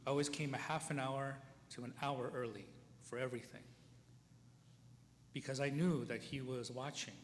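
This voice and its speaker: A man's voice: medium pitch, fairly even intonation, moderate pace. Guy priest doing a funeral eulogy, super conversational, keeps checking in w the crowd, big echoey church, little hiss behind. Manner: conversational, keeps checking in with the listeners, chuckles between stories. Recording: long church reverb, faint ambient noise.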